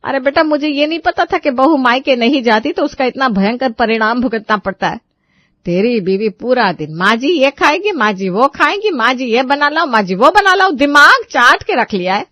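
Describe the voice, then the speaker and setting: Voicing an older Indian mother-in-law and her aunty friend for an acted audio story, a woman complains dramatically in an exasperated, gossipy tone. Her voice sits high and a bit bright, animated at a moderate pace, with no room sound.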